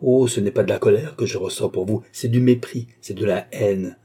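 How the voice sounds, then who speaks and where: A man's voice: medium pitch, animated, unhurried, slightly rough. A man reading an audiobook, voicing a proud young noblewoman who is furious and contemptuous. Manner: shouting, raging, contemptuous. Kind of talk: audiobook character voice.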